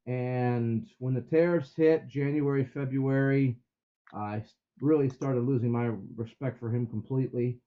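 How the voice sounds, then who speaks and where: A man speaking over a phone with earbuds that sound muffled, as if heard through a wall, talking hesitantly with many ums. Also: medium pitch. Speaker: call-in participant. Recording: muffled dull phone line.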